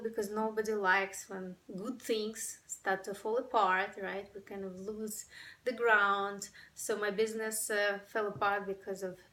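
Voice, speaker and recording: A woman with a Ukrainian accent talks straight to camera about her own journey. Her voice is bright and clear-edged at a middle pitch. She speaks earnestly and often pauses on "you know" while she finds her words. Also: low-quality recording. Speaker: breathwork facilitator. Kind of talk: personal story to camera.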